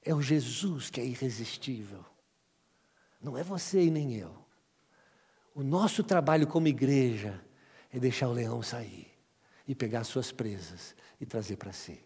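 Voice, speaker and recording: A man's voice: medium pitch, moderate pace, breathy edge. A man preaching a sermon to his church, telling a story and acting out its voices before reading scripture. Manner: animated storytelling, acts out dialogue. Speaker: pastor. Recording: church hall reverb with music.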